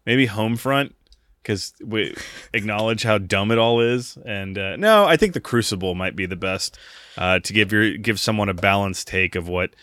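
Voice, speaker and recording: This man from the United States co-hosts a podcast and chats in a rambling, jokey way, laughing often. His voice is on the low side and fairly bright, at a normal speed, with no echo.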